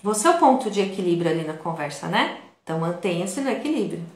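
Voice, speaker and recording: A woman's voice: on the low side, very animated, fast talker. Brazilian woman teaching in an echoey room. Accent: Brazilian Portuguese. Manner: conversational, checks in with the viewer. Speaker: instructor. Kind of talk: online video lesson.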